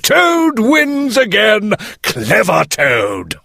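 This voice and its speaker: A man voicing a vain, excitable male toad in a storybook reading, with a squealing, boastful manner. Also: high voice, extremely slow, vocal fry, no room sound, clean studio sound, pitched above the performer's own voice, full character voice. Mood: gloating. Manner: squealing, boastful, self-mocking.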